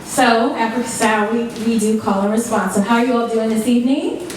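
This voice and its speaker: A woman's voice: a little high, steady tone, a little fast, a loud crowd. A woman host giving upbeat opening remarks at a live event and engaging the audience. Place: large echoey event room indoors. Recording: echoey hall from far off.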